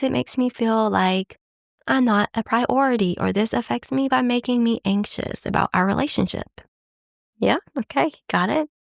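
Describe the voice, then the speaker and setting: A woman hosting a podcast, giving relaxed, conversational advice and acting out short example lines. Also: medium pitch, creaky, no room sound, clean studio sound. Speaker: podcast host. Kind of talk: casual advice talk.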